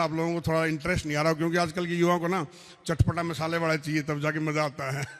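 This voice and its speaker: Earnest man telling his story in a hall. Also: fairly high pitch. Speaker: army veteran speaker. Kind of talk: speech to an audience. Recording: reverberant hall.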